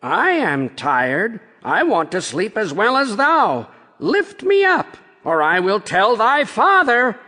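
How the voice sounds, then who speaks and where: A man voicing a pleading, insistent frog in a slow storybook character voice, with long reverb. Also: high-pitched, big pitch swings, bright, forceful tone, voice pushed up, full character voice. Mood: whiny, threatening.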